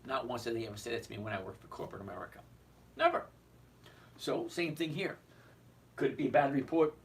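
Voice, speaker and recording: A man hosts a casual stock-trading livestream, talking fast and animatedly in a medium-pitched voice that's hoarse and cracking. He chats with viewers, answers their questions and keeps asking "okay?" as he comments on the market, picked up by a distant mic with faint background noise.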